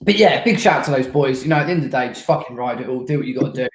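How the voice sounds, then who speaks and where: A man's voice: mid-range voice, racing, reverberant. A man co-hosting a casual debrief of an airsoft event, talking in a sweary, teasing, laddish way.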